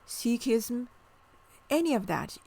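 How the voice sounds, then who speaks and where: A woman's voice: on the high side, very animated, takes it slowly, vocal fry, dark tone. A middle-aged woman from Morocco, explaining culture and ethnicity in an educational talk, asking the viewer questions and giving examples.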